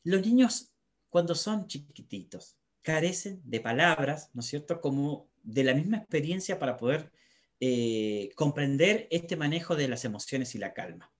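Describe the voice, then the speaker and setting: A man's voice: fairly high pitch, animated, normal speed. A man, a psychologist, talking animatedly about parenting and filling his speech with tag questions. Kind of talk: conversational talk on parenting.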